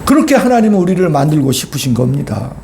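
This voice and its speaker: A man's voice: fairly high pitch, big pitch swings, quick pace, creaky, mellow, a little hiss or hum. A pastor preaching a sermon to his congregation, emphatic and checking in with them through rhetorical questions.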